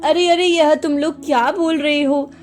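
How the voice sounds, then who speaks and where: A woman's voice: sits high, steady tone, a little slow, a little mellow, faint music behind. A woman voicing an old village pickle seller who talks in fussy exclamations. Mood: bewildered.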